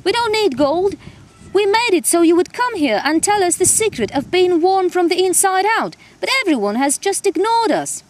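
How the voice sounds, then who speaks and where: A woman voicing a small, freezing male gnome who shouts everything he says, for a storybook reading. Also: very high voice, very animated, moderate pace, voice pushed up. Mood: shouting. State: freezing cold, shivering.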